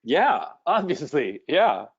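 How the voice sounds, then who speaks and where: A man's voice: fairly high pitch, very animated, slow, slightly rough, muffled recording. Blunt, swearing man hosting a webinar. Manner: blunt, casual, swears freely. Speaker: webinar host and coach. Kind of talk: live webinar Q&A.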